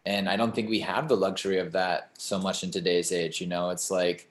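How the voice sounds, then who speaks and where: A man's voice: low voice, a little fast. Rambling young man in a roomy room. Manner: rambling, animated, many "like" and "you know" fillers. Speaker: singer-songwriter guest. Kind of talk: casual interview chat. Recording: roomy echo.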